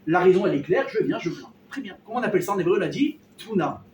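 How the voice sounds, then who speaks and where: A man teaching a lively Torah class to a live audience, acting out everyday dialogues and firing questions at his listeners. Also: sits high, racing. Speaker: rabbi teaching a weekly class. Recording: roomy hall, mic at a distance, faint noise.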